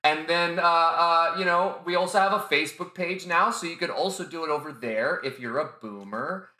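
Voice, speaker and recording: Loud, rambling male podcast host. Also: on the high side, moderate pace, roomy sound. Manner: loud, rambling, swears casually. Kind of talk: casual podcast chat.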